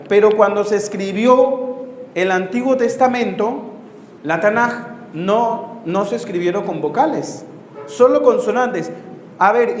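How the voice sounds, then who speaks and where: A man, a missionary priest, teaches a Bible course to a class. He asks rhetorical questions, corrects himself and pauses to write on the board. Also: high voice. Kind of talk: classroom lecture with questions to students. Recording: roomy hall reverb, faint background noise.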